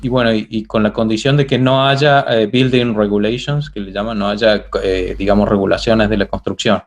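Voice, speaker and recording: A man's voice: lowish voice, fairly even intonation, moderate pace. Rambling Argentine man on a call. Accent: Argentine Spanish. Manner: rambling, full of fillers and restarts. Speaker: interview guest. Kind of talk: casual interview chat.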